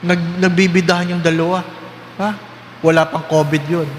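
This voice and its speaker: A male priest preaching a sermon, lively and joking, often quizzing the congregation. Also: on the high side, normal speed, slight background noise. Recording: echoey hall with faint ambience.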